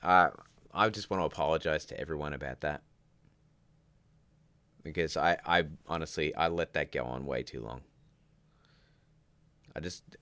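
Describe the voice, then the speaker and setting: A man's voice: very deep voice, gravelly, fairly bright tone, no echo. A man hosting a casual livestream, rambling and chatty in a groggy morning voice, talking from home. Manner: rambling, chatty, reads out viewer comments. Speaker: livestream host.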